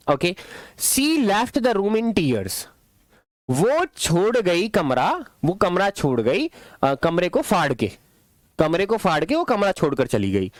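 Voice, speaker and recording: A man's voice: a little high, no room sound, clean studio sound. A man teaching an English lesson to his students. He is playful and affectionate, and he keeps asking questions and then answering them himself. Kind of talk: classroom-style language lesson.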